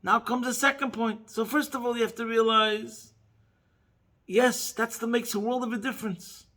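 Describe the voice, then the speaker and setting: A man's voice: steady tone, moderate pace, bright, forceful tone. A man teaching a Chassidic Torah class, mixing Yiddish and Hebrew phrases into English and rising to emphatic peaks. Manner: rises to emphatic high peaks.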